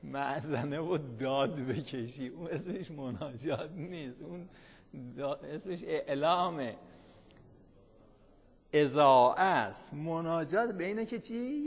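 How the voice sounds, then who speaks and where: A man's voice: on the high side, creaky, husky, long reverb tail. A man teaching a class who reads a line of the text, then explains it in everyday speech, often asking the students questions and answering them himself. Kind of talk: classroom lecture.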